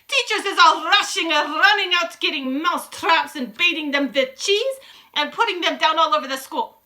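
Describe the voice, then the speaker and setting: A woman voicing a wicked old witch from a storybook, shouting imperiously and chanting in broken grammar as she gloats. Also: very high-pitched, moderate pace, pitched above the performer's own voice. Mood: loud, gloating. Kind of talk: dramatic storybook read-aloud.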